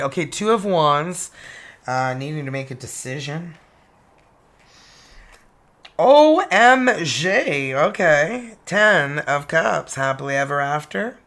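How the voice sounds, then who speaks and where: A tarot reader from northern Ontario, Canada, a native French speaker with a Franco-Ontarian French-Canadian accent, chats casually while reading cards, adding laughing, cheeky asides. Her voice is mid-range with a fairly bright tone.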